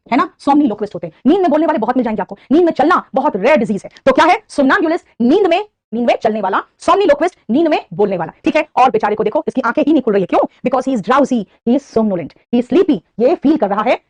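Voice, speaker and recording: A woman's voice: high-pitched, no echo. A woman with an Indian English accent teaching vocabulary in an online class, quizzing students and praising them by name. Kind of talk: online live class, Hindi mixed with English.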